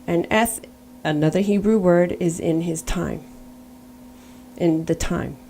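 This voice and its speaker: A woman's voice: lowish voice, slow, gravelly, dark tone, a little hiss or hum. A middle-aged woman giving a personal faith testimony, earnest and storytelling, now and then spelling words out letter by letter.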